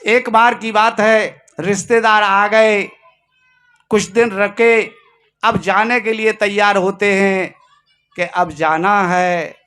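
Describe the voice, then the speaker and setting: A man's voice: high-pitched, little pitch movement, slow, bright, forceful tone, clear, resonant tone. A man giving a Hindi sermon as a spiritual teacher, telling stories and repeating key lines for emphasis.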